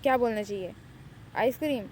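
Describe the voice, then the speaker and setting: A woman's voice: fairly high pitch, a little hiss or hum, close to an everyday voice. A woman voicing a sulky, childlike young man who pouts and complains, in an amateur fan drama. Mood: complaining. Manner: whiny, pouting, complaining.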